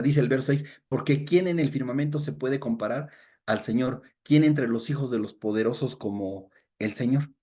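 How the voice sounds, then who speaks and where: A man with a medium-pitched, dark-toned voice teaches a Bible study, reading verses aloud and explaining them. He often checks in with his listeners and fills pauses with short murmurs.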